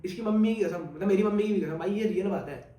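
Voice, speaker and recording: A young man telling a frightening personal story in a casual podcast chat, animated and full of crude slang. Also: high voice, fast, reverberant, far from the mic.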